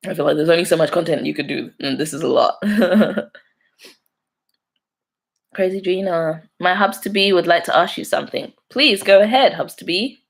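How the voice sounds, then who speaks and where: A young woman with a London accent hosts a YouTube live stream, her lowish voice gravelly and slightly rough at a moderate pace. She keeps it casual, often laughing while reading and answering comments from viewers.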